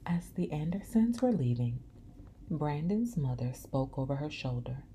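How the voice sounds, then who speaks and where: A woman's voice: deep voice, lively intonation, a little slow, warm tone, slight background noise. A woman reading a novel aloud as narrator, voicing the characters' dialogue lightly. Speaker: audiobook narrator. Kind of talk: scripted narration.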